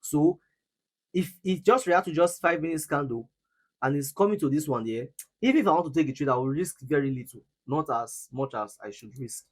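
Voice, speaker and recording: A man's voice: a little high, expressive, a little fast, husky. Emphatic man coaching traders. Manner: emphatic, repeats words, teasing laughs. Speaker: forex trading coach hosting live session. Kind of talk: live online trading lesson with Q&A.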